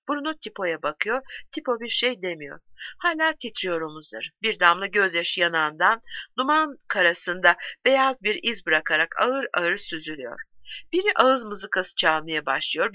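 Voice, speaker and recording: Woman, audiobook reader, measured expressive reading, lively pitch, dry sound. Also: no echo, dull audio. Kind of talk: reading a novel aloud.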